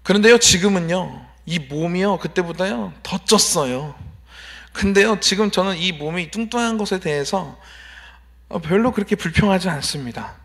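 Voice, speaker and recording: A man with a notably high voice delivers an evening church sermon. He tells a personal story, leaning on emphatic pauses and rhetorical questions, in a sanctuary. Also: a bit bright. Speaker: preacher.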